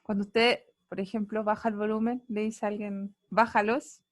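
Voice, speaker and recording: A woman's voice: mid-range voice, flat delivery, normal speed, dry recording, clean studio sound. A woman teacher giving an online physics class, playful and teasing, asking students many questions. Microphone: computer mic on a video call.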